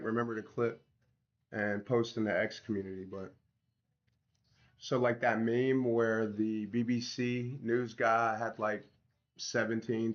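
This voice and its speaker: Building an app on a livestream, a man talks to his viewers in a relaxed, slangy, informal way, speaking straight to them as he works. His fairly low voice still carries a sore, swollen-throat quality from tonsillitis, and the recording is muffled.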